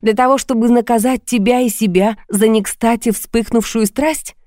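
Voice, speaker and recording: A woman's voice: on the high side, fairly even intonation, normal speed, dark tone, dry recording, clean studio sound, pitched above the performer's own voice, lightly acted. A woman reading as a weary young widow. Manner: tired, restrained. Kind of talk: audiobook reading.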